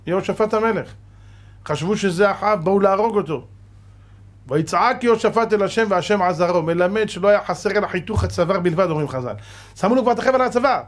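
A rabbi preaching a fervent sermon. His voice sits somewhat high for a man, and he drives his points home with rhetorical questions and sudden loud outbursts.

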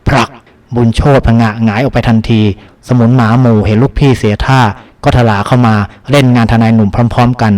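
A man narrating a novel as an audiobook, with steady, dramatic storytelling. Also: medium pitch.

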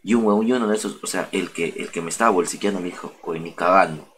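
A man's voice: low-pitched, rapid-fire, a little hiss or hum. A young man with a Peruvian accent, a streamer telling a story in casual, slang-heavy street talk full of swearing. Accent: Peruvian Spanish.

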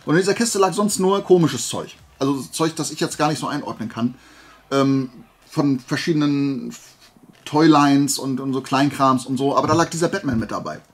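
At a moderate pace and with a mid-range, slightly rough voice, this video creator walks viewers through his flea market finds. He chats in a loose, playful, colloquial way and often digresses.

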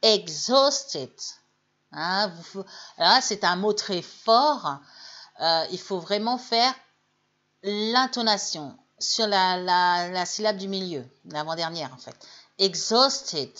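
A woman teaching English on a live stream in French. She chats with viewers, reads their names, corrects them gently and says the English model phrases slowly. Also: mid-range voice, animated, highs cut off.

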